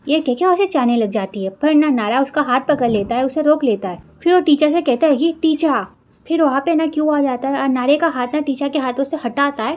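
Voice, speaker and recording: Woman w a high voice recapping a drama, chatty, lots of little fillers. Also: darkish tone. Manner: retells each line with "then he says that", frequent "na" fillers. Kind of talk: casual storytelling recap.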